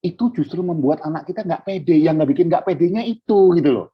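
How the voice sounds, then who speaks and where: Man guest speaker on a video call, husky and conversational, dull muffled sound. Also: fairly high pitch, quick pace. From Indonesia. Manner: explains in a relaxed, conversational way, acting out what a parent says to a child. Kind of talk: casual parenting talk over video call.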